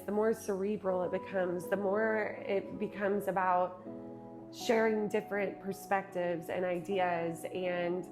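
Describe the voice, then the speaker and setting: A woman speaking as an interview guest, reflecting earnestly on her work as a speaker and retreat host, sometimes speeding up and sometimes slowing down. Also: mid-range voice. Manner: earnest, with quick and slow stretches, laughs easily.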